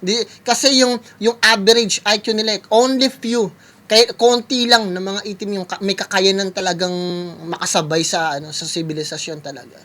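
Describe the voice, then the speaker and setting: A man with a bright, forward tone chats loosely with his audience as he reacts to a clip. He rambles, repeats himself, and keeps calling his viewers guys. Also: high-pitched, fairly even intonation, moderate pace. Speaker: music producer reacting to a video. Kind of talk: casual reaction commentary. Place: California.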